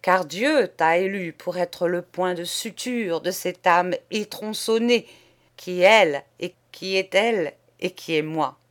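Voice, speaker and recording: Woman reader voicing a declamatory lovesick poet, raised and fervent, slow. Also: on the low side. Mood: imperious. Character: impassioned young male poet, pleading.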